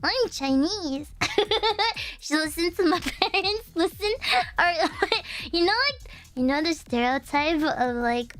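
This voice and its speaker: A woman's voice: very high-pitched, lively intonation, slow, a bit bright. A young woman VTuber streamer chatting casually with her viewers in a bubbly, rambling way, full of fillers. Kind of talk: casual livestream chat.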